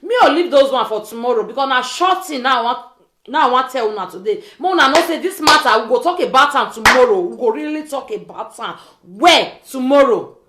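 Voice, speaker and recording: A woman speaking pidgin with a West African accent goes on a brisk, informal rant, her high voice very animated. She scolds like a social media vlogger and keeps pounding rhetorical questions. The sound is echoey and roomy.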